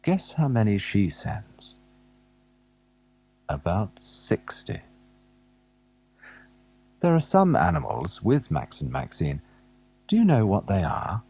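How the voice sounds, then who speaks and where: A man narrating a children's alphabet storybook, gently asking the young listener questions as he goes. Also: on the low side, wildly swooping pitch, takes it slowly, long pauses, husky.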